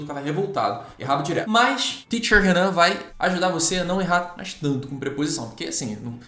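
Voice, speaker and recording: A man with a Brazilian accent teaching English at a whiteboard in an energetic video lesson, talking in a lively, animated way. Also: a little high. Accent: Brazilian Portuguese. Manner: lively, animated, voices mock student questions. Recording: echoey room with faint music.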